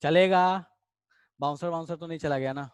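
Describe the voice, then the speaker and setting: Chatty Hindi chemistry teacher, slightly high voice. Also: male voice, normal speed, clean tone, no room sound. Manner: chatty, addresses students as beta, reads out their chat comments. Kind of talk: casual online class lecture.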